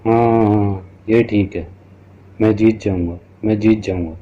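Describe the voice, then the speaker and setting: A man's voice: lowish voice, fairly even intonation, measured pace, mellow, lo-fi sound. A man voicing a frightened, foolish man on a rooftop in an audio horror story, pleading fearfully. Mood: giddy.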